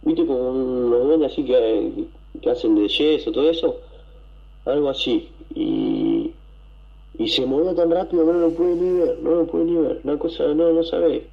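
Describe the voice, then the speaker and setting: A man with an Argentine accent, telling a story to a radio show, excited and rambling, with coughs and throat clearing. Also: a little high, normal speed, dull audio. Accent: Argentine Spanish. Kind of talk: casual storytelling.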